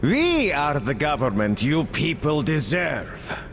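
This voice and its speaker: An actor playing a smug, mocking cannibal leader who talks like a polite official, in a video game. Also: male voice, fairly high pitch, wildly swooping pitch, slow pace, a bit bright, long reverb tail, slight background noise, full character voice. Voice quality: mocking, smooth and theatrical.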